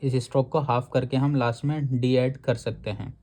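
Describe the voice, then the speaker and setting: A man's voice: medium pitch, steady tone, moderate pace, dark tone. A man teaching a shorthand lesson, explaining each rule step by step and reading the rule text aloud word by word.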